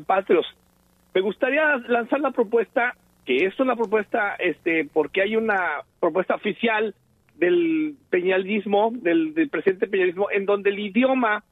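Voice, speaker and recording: A man's voice: high-pitched, dry recording. Impassioned Mexican man on a phone line. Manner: impassioned, hesitant with many fillers. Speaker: radio caller. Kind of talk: phone-in call to a radio show. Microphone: telephone.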